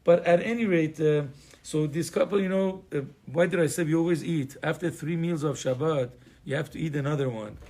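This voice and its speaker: Male rabbi from Iran, informal class delivery, digressive and wry, slightly raised pitch. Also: fairly quick, darkish tone. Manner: conversational, digressive, joking asides, frequent fillers. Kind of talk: informal Torah class to a live audience.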